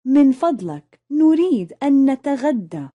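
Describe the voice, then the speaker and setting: A woman, carefully repeating lesson phrases one by one in a clear, scripted way. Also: sits high, sing-song, a little slow, dark tone. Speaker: language lesson speaker.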